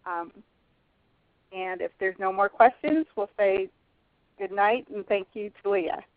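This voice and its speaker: A woman hosting a conference call, moderating questions in a polite, halting way. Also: medium pitch, dry recording. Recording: tinny, narrowband phone line.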